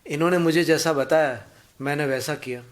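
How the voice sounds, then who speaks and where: A man's voice: on the high side, normal speed, lightly acted. A man doing a meek pleading constable. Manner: apologetic, pleading. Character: meek, hard-of-hearing male constable.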